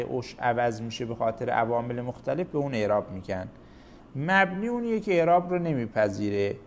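A man's voice: mid-range voice, slight background noise. A man teaching a grammar lesson, explaining rules step by step with examples.

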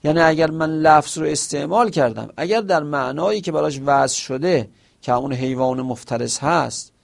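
Gravelly-voiced man teaching a lesson. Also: mid-range voice. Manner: explains with examples and asks himself questions; quotes Arabic phrases within Persian speech. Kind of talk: seminary lesson on Arabic rhetoric.

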